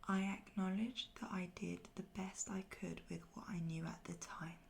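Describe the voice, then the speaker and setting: Soft woman doing a whispered pep talk, asmr affirmations, slow n flat, bit of fry, faint noise behind her. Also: fairly low pitch. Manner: soft, breathy near-whisper; slow, repeated phrases with pauses.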